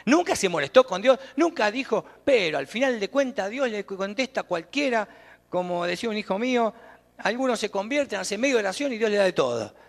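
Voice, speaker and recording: A man's voice: high-pitched, big pitch swings, brisk, gravelly. A man with an Argentine accent preaching a sermon as pastor, emphatic and putting questions straight to the congregation. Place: church sanctuary. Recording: long church reverb.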